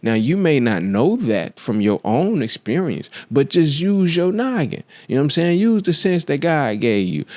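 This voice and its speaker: A male podcast host, talking in a loose, slangy monologue and acting out lines from a film. His pitch swoops up and down as he tells the story. The sound is dry and close to the mic. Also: a little mellow, no echo. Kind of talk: casual monologue, film analysis.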